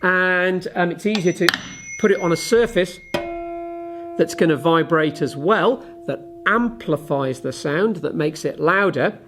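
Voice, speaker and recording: Chatty male physics teacher explaining calmly. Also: high-pitched, music in the background. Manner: chatty, fills pauses with ums, demonstrates with objects. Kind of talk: relaxed classroom explanation to camera.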